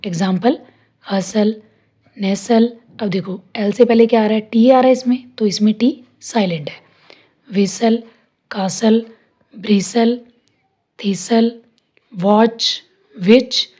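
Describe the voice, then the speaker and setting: Slow, high-voiced woman teaching. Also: warm tone. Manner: explains rules then reads example word lists, stressing each word. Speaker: English pronunciation teacher. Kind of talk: lesson.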